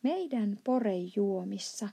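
A polite little girl asks patient questions, voiced by a woman reading aloud. The tone is lifted a touch but stays husky and dark underneath. A storybook child, courteous and curious. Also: medium pitch, expressive.

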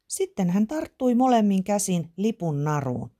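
Animated woman reading a storybook. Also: medium pitch. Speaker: narrator.

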